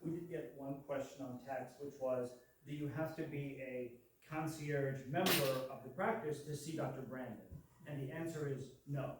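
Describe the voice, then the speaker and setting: Male clinic moderator, friendly promotional pitch, distant mic, faint room noise. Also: moderate pace. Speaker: practice representative and moderator. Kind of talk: informational presentation. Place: large echoey room. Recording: echoey room from far off, faint ambience.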